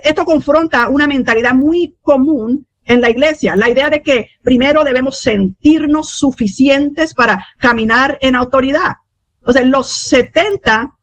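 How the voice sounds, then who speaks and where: A woman preaching a teaching sermon, often pausing with "eh" and saying amen between points. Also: sits high, no room sound. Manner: fillers and restarts, frequent amen.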